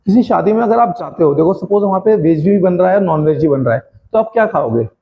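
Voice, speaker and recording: An Indian man teaching a spoken English class in Hindi, slowly drilling tongue twisters and encouraging his students like a caring teacher. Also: high-pitched, animated, dull audio, slight background noise. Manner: addresses students as "beta", encouraging.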